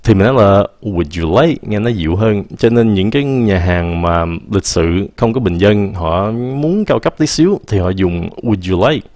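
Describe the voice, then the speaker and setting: A man, teaching English in a casual, patient lesson and repeating example phrases slowly. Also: fairly low pitch, lively intonation, darkish tone, dry recording.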